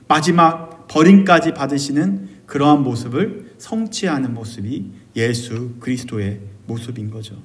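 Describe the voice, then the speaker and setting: Male pastor, sermon delivery, high and very animated, swings from cries to near-whispers. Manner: dramatic, swinging from loud cries to hushed low phrases.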